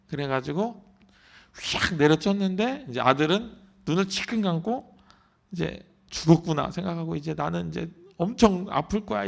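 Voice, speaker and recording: At an early-morning prayer service in a church, a male pastor with a high voice and vocal fry preaches a sermon. He tells a story and puts questions to the congregation.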